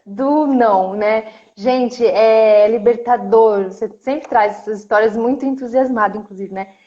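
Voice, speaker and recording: A woman therapist chatting on a live video call, her voice set a little high and her sound slightly dull and lo-fi. She talks in a reflective, affirming manner, with warm little interjections. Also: a little slow. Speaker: psychotherapist and live host. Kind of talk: casual live chat.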